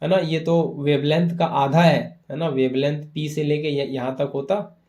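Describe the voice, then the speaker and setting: A male physics teacher with a slightly higher-pitched voice walks through an exam-prep lesson one step at a time. He slips English terms into Hindi and keeps checking that his students follow along. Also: steady tone, moderate pace, darkish tone, muffled recording. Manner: explains step by step with repeated "है ना" checks.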